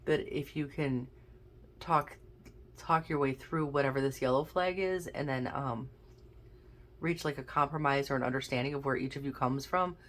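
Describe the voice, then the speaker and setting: A woman doing a casual pick-a-card reading, thinking aloud with many restarts and a gentle, encouraging manner. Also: extremely low pitch, normal speed. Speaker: tarot card reader.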